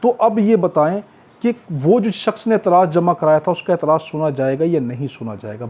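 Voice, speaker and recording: A man with a Pakistani accent and a slightly high, darkish, somewhat rough voice gives an exam-prep law lecture. As a tutor he walks through statutes point by point, poses questions and answers them himself, and repeats key points heavily. The recording sounds dull, lo-fi and muffled.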